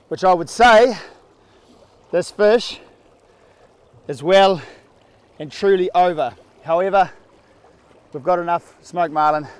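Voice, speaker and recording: A high-voiced New Zealand man in his forties hosts a fishing show from the deck of his small boat at sea, whooping, swearing freely and excited as he chats casually. An action camera mounted on the boat records him, with wind and engine noise from the open water.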